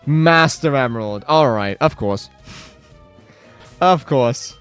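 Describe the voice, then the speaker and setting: A man's voice: mid-range voice, animated, slow, fairly bright tone, clean tone, soft background music. A man chatting casually on a live game stream, rambling with lots of filler words and reacting to chat.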